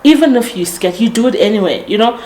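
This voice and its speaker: A woman in her late twenties speaks fast and animatedly in a slightly high, warm voice, hosting a casual motivational podcast monologue. She comes across as earnest and reflective, with many restarts and self-corrections. The room is echoey and there is slight background noise.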